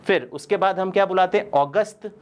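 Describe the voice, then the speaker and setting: Slow, deliberate male English teacher. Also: high voice, dull audio. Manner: asks the class questions and answers them himself; slow, deliberate, repeats each word. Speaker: coaching-class English teacher. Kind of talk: online pronunciation lesson.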